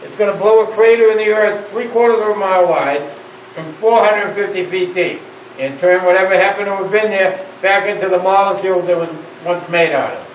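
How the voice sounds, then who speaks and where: A man's voice: sits high, a little fast. An older man guiding visitors with emphatic storytelling in short phrases, his voice echoing inside a silo. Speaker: tour guide. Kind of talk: guided tour narration to visitors. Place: echoing underground missile silo on a tour. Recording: echoing inside a silo, distant mic, faint noise.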